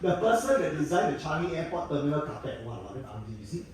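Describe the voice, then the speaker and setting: High, animated Singaporean man in echoey hall. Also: fast talker, recorded from a distance, crowd noise. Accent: Singaporean English. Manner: playful, teasing banter with the audience, bursts of laughter. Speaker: stand-up comedian. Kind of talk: live stand-up comedy. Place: theatre stage before a live audience. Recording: echoey hall, mic picked up from afar.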